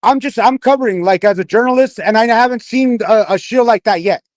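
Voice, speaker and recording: A man's voice: extremely high pitch, a little fast, dry recording. A man reporting live on the street as an independent journalist, rambling informally, his speech slurred by missing front teeth. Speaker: independent journalist, livestream host. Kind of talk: live street commentary and casual interviewing. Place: outdoors on a city street at night.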